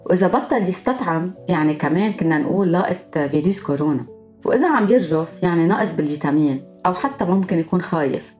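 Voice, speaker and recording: Fast-talking Lebanese woman podcaster. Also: on the low side, a little mellow. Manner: explanatory, listing examples one by one. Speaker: podcast host. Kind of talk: scripted podcast monologue.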